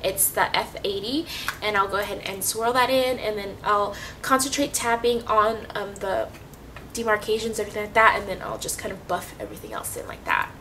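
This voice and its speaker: Her makeup routine comes with plenty of casual chatter, ums and restarts as this beauty vlogger battles a cold and sniffles. She speaks fairly quickly in a mid-range voice that is expressive, bright and forceful, with faint hiss from a slightly distant mic.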